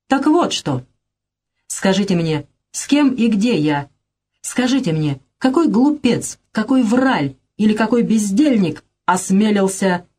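A woman reading as a proud, scheming gentleman. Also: medium pitch, lively intonation, a little slow, husky, pitched above the performer's own voice. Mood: indignant. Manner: haughty, insistent.

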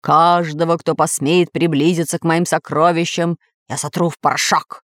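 Woman doing a slow, booming pirate ghost. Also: flat delivery, no room sound, studio quality, lightly acted. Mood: menacing. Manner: slow, drawn-out, threatening. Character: ghostly booming pirate captain's voice, male, menacing.

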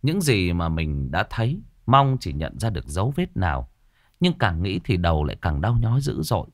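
A male storyteller, reading with a lively, swinging rise and fall in his voice. The recording is dry and close, with no room sound around him. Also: sits low, normal speed, no room sound. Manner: expressive, shifts into character voices. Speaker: audiobook narrator. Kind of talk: storybook narration.

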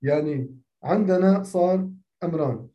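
A man teaching a grammar lesson to a class, repeating key phrases slowly and asking for questions. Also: high-pitched, muffled recording.

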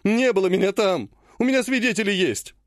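A man's voice: high voice, animated, a little fast, dry recording, studio quality, voice pushed up. A man voicing a frightened young male healer who whines and pleads tearfully. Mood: whining.

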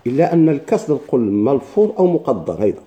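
Very dark-voiced man teaching grammar. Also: mid-range voice, big pitch swings, fast talker, highs cut off. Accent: Moroccan Arabic. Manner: explains step by step with rhetorical questions and repetition. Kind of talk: classroom grammar lesson.

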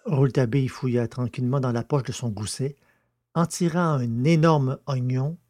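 A man narrating a classic detective novel as an audiobook, in a measured storytelling manner. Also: medium pitch, steady tone, darkish tone.

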